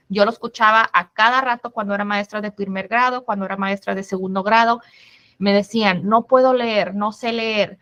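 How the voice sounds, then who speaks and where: A woman and former teacher giving an online presentation to parents, explaining patiently and sounding out syllables slowly. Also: medium pitch, fairly bright tone.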